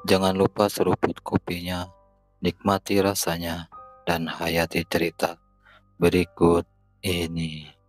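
Man, very low voice, monotone, slow horror narration, faint music behind. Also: poor audio. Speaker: horror storyteller.

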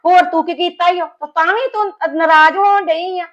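A woman's voice: very high voice, fairly even intonation, normal speed, a bit bright. An actress playing an older mother-in-law who scolds and lectures her family in a village drama. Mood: scolding. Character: aging mother, sharp-tongued and scolding.

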